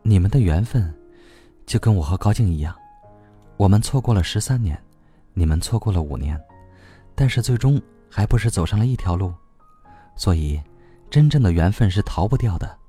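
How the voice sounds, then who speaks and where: A man reading a novel aloud, voicing a young woman who speaks gently and coaxingly, with a slightly quiet tone. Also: low-pitched, expressive, normal speed, pauses often, faint music behind. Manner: gentle, coaxing and soft-spoken. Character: cheerful but troubled young woman.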